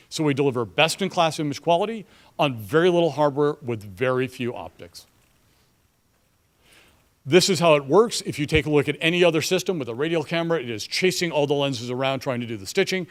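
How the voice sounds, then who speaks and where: A man presenting a startup pitch to an audience as a company chief, speaking confidently and emphatically. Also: lively intonation, a little fast.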